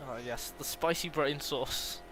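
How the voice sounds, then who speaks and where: A man's voice: on the high side, a little slow, fairly bright tone, slight background noise, poor audio. A man chatting as a co-driver in a sim race, playful, laughing often and giving calls on fuel and pit stops. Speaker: co-driver and teammate. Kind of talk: casual team radio chat.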